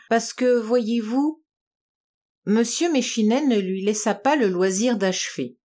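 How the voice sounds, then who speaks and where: A woman's voice: medium pitch, a little mellow. Woman reading a classic novel aloud. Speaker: narrator.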